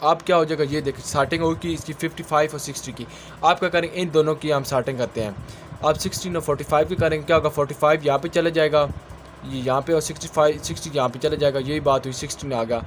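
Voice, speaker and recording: Male tutor rushing through exam revision, fairly high voice, his own question and answer at each step, faint traffic behind. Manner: mixes technical English terms into his speech. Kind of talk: quick exam-revision lecture.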